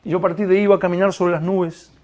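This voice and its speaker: A man preaching a sermon, animated, acting out quoted prayers and dialogue in his storytelling. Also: high-pitched, very fast, lo-fi sound.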